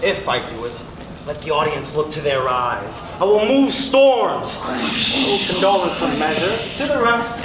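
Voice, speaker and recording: In a very echoey, noisy hall, a vain and bumbling weaver played by a man holds forth like a great tragedian. His high voice is pompous and theatrical, taking its time as in a Shakespearean stage comedy. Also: lively intonation, unhurried. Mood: boastful. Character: vain, overeager amateur actor, a bumbling male weaver. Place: indoor theatre stage, recorded from afar. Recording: echoey stage hall, distant mic, loud noise.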